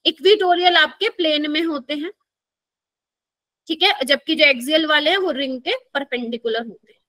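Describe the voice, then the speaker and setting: A woman with a high voice teaches a live chemistry lesson, speaking Hindi mixed with English in an Indian accent. She talks slowly and patiently and keeps asking the class whether they follow. The sound is dry and close. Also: bright, forceful tone, no echo. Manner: patient, explains slowly and checks understanding.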